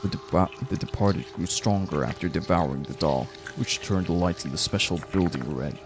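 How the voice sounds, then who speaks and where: A man's voice: low-pitched, normal speed, over music. A man reading game narration aloud dramatically, acting it out and now and then stumbling over a word. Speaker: game streamer.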